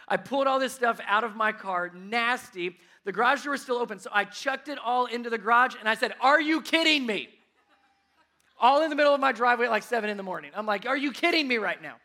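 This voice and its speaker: A man in his thirties preaching a sermon, telling stories with animated swings in his voice. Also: high-pitched. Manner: animated storytelling, voice rising when worked up. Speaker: pastor.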